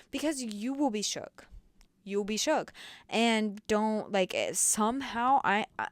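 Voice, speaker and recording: A woman reviewing books in a casual vlog, talking in an animated, slangy way that swings up high and drops back low. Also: clean tone, no room sound. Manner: animated and slangy, with big swings in pitch and loudness. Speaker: book reviewer.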